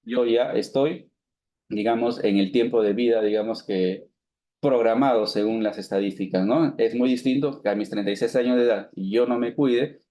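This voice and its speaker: Explaining step by step to his students, a medical lecturer from Peru in his thirties asks questions and answers them himself. His voice is medium-pitched and dark at a moderate pace, and he keeps restarting and leaning on fillers such as "digamos" and "esto."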